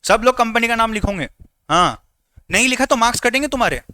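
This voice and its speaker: A man teaching a live online lecture in a lively, teasing way, often repeating his instructions. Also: very high-pitched, fast, a little hiss or hum.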